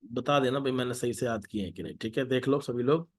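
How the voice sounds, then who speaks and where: A man's voice: mid-range voice, quick pace. A man with an Indian accent teaching a live online math class, coaxing students and repeating his instructions.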